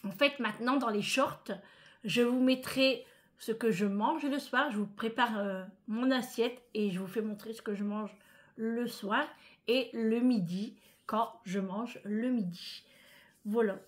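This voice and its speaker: A woman from France chatting casually to her viewers in a vlog, emotional and expressive. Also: a little high, a little slow. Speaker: vlogger. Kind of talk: casual chat.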